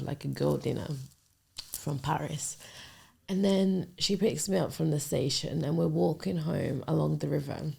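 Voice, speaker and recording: A woman's voice: sits low, creaky, dark tone. A woman in her twenties hosting a podcast, telling a personal story in a candid, hesitant way, often trailing off and restarting. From Nigerian family. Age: 20s. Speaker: podcast host. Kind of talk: personal storytelling, casual confessional.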